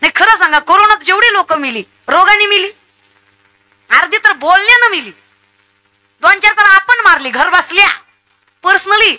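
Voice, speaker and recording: A woman's voice: extremely high pitch, expressive, normal speed, pauses often, pushed and bright. A woman preaching a comic devotional sermon, scolding the crowd and mimicking villagers. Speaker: kirtan preacher.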